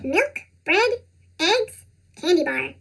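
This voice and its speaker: A storybook narrator reads for children in a squeaky, sped-up-sounding chipmunk cartoon voice. The pitch is extremely high and swings around in a lively, expressive way. The tone is bright and sharp throughout. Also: slow pace, vocal fry. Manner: animated, expressive read-aloud. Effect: pitched-up chipmunk voice effect.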